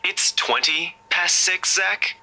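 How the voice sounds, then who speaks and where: A man's voice: high-pitched, slow pace, gravelly, bright, forceful tone, exaggerated voice, rough recording. A man voicing a breezy young friend who teases, then turns worried. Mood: teasing. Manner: breezy, teasing, turning concerned. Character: teasing young male friend on a phone call. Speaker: character dialogue in a visual novel voice dub.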